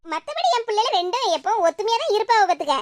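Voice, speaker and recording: A woman's voice: very high-pitched, very animated, quick pace, no room sound, clean studio sound. A woman voicing a harried middle-aged village mother of two daughters, with a Tirunelveli accent, explaining patiently in a cartoon. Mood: weary explaining. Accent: Tirunelveli Tamil. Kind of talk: animated cartoon voice acting.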